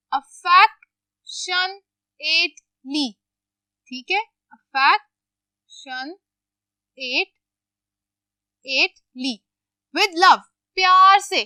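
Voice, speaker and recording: A woman teaching English vocabulary to children, explaining each word slowly and asking questions that she answers herself, mixing English into her Urdu. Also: extremely high pitch, bright, forceful tone, no room sound, clean studio sound. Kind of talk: classroom vocabulary lesson.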